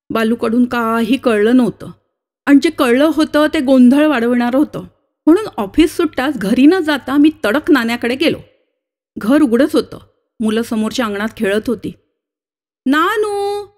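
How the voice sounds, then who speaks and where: Woman reading a story out loud, high voice, changes pitch for the different characters. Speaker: story narrator. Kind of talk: reading a short story aloud, voicing all characters.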